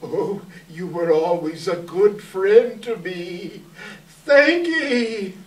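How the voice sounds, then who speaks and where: An actor playing Scrooge as a sour, frightened old miser in a theatrical, halting, pleading stage reading. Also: medium pitch. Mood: grateful. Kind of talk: readers theater stage reading of a classic story. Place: indoor live event room. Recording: echoey room, distant mic.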